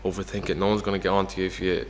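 A man's voice: low voice, level tone, very fast, in a large hall, slight background noise. A young Irish man talking casually as the guest in an interview, full of fillers like "you know". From Ireland. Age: young adult. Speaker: footballer guest.

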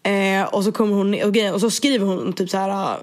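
A young woman with a speech impediment, casually retelling an event and acting out what everyone said. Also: medium pitch. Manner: animated, quotes others with "jag bara", swears freely. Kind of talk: casual storytelling chat.

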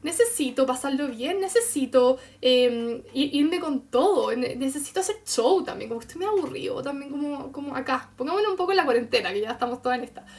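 A woman voicing a bored, show-hungry personified Leo moon in a loud, bossy way. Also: sits high, animated, fast talker, hardly any pauses. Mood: restless.

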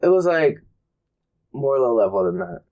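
A man born in London and raised in New Jersey, talking casually as a teacher guest, relaxed and rambling with lots of fillers. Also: medium pitch, normal speed, highs cut off. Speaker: guest, middle school engineering teacher. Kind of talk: casual conversation.

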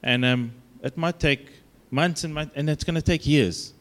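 A South African man with a broad Afrikaans accent preaches an informal sermon as a guest, speaking haltingly in a conversational, self-deprecating way. His voice sits on the high side.

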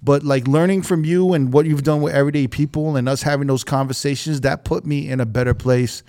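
A young man runs a podcast and talks briskly in a rather high but dark-toned voice with fairly even intonation. It's a laid-back, profanity-laced chat stuffed with "like" and "you know."

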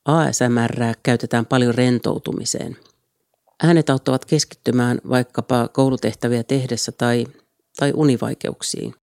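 A man hosting his own podcast, reading a scripted solo episode in a calm, even way from a small home studio. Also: mid-range voice, creaky, no echo. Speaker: podcast host.

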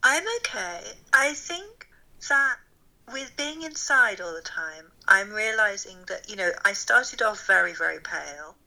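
A woman's voice: medium pitch, lively intonation, a little slow, vocal fry, bright, forceful tone, poor audio. A woman chatting casually with a wry, self-deprecating way of exaggerating. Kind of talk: casual chat.

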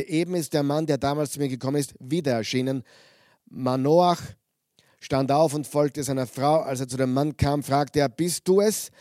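A man preaching a sermon, reading Bible passages aloud with lively emphasis and stopping to explain them to his listeners. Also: medium pitch, no echo, studio quality.

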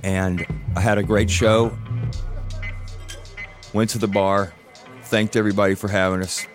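A man telling a personal story for a podcast, measured, in short scene-setting phrases. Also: fairly low pitch, flat delivery, soft background music. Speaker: guest storyteller, musician.

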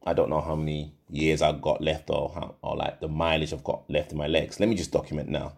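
A man's voice: very deep voice, little pitch movement, fairly quick, creaky, darkish tone, breathy edge. A middle-aged man with a Yorkshire accent hosting a casual solo podcast, rambling with frequent fillers and self-corrections. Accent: Yorkshire English. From England. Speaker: podcast host.

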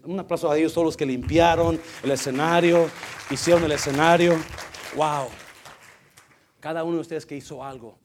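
A man preaching a sermon as a pastor, who swings between loud exhortation and hushed asides and mixes in English words. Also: medium pitch, slight background noise. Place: church hall.

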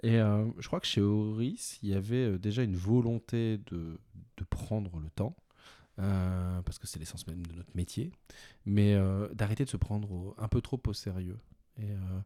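A man's voice: on the low side, steady tone, moderate pace, warm tone. A man being interviewed as a brand executive, answering in a hesitant way with many restarts. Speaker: executive director of a watch brand, guest.

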